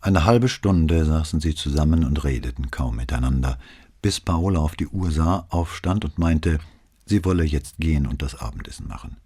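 A man narrating a crime novel audiobook in a measured storytelling voice. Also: rumbling low, expressive, darkish tone, slightly rough. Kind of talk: scripted narration.

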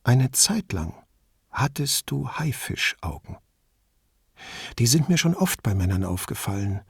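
A man's voice: mid-range voice, very animated, unhurried, vocal fry, breathy edge, exaggerated voice. A man reading the part of a witty wife who teases her husband in a playful, dry way, in a slightly raised voice. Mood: teasing. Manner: wry, playful teasing. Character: witty teasing Italian wife, adult woman.

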